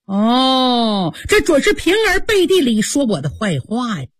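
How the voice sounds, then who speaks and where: A woman's voice: on the high side, very animated, unhurried, breathy edge, no room sound, studio quality, full character voice. A woman voicing a fierce, hot-tempered mistress of the house who scolds and commands sharply. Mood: furious scolding.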